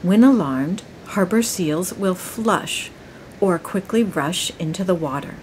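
A woman narrating a nature documentary in a calm, measured and gentle way. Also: lowish voice, a little hiss or hum, poor audio.

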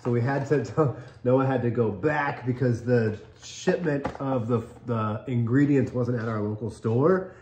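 Chatty dad tasting cookies. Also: male voice, mid-range voice, measured pace, a little mellow, slight background noise. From United States. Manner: chatty, upbeat, chewing and tasting between lines. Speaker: dad co-hosting a cookie review. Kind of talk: casual chat. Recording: echoey room, dull lo-fi sound.

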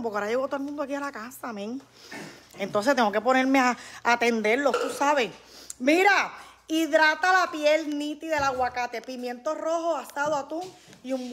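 A woman hosting a casual live stream, chatting lively with her viewers and calling them nena. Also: high voice, slight background noise.

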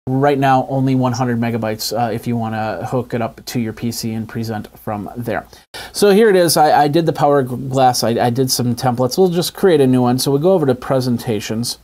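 Speaking at a moderate pace, this man has a mid-range voice with a slightly mellow quality. As the host of an app review web show, he explains an app tutorial step by step, keeping things informal and conversational, using a lapel mic in a small home studio indoors.

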